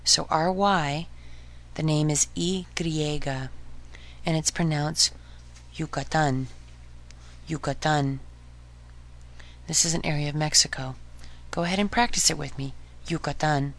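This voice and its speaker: A woman hosting a podcast lesson on Spanish pronunciation, modeling each sound slowly and clearly for listeners to repeat. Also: low-pitched, fairly bright tone. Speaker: Spanish teacher.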